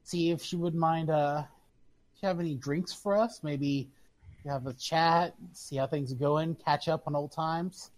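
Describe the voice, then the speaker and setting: A woman's voice: low-pitched, fairly even intonation, a little slow, darkish tone. A woman playing a tabletop game, rambling and joking about her plans. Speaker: player. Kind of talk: casual chat.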